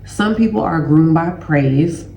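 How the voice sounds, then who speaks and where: A woman with a low, expressive, unhurried voice and a warm tone talks casually to viewers as a healing educator and host, stuffy-nosed and sore-throated. She's loose and conversational, calling her listeners "y'all." The recording has a roomy echo and slight background noise.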